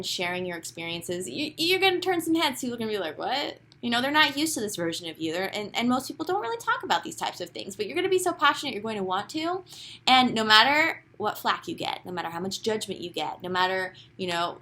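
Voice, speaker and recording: A young woman giving a casual, chatty tarot reading, enthusiastic and sometimes dropping to soft near-whispers. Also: medium pitch. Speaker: tarot card reader.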